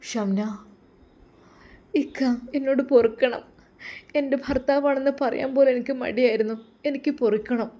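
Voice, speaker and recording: A woman's voice: high-pitched, steady tone, normal speed, long pauses, warm tone, voice pushed up, lightly acted. A woman voicing a young former wife who is bitter and regretful, in a told story. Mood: pleading. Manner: bitter, pleading.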